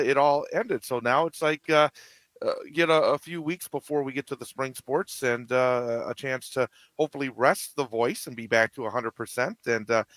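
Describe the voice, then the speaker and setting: A local sports radio announcer chats as a guest on a casual radio show, his mid-range voice fairly bright and free of echo. He rambles, with lots of restarts and fillers.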